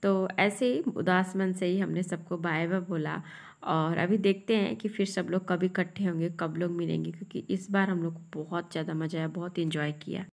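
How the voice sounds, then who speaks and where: A woman's voice: fairly low pitch, steady tone, moderate pace, gravelly, darkish tone. Chatty woman narrating a family vlog. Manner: chatty, homely, talks to viewers. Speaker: family vlogger.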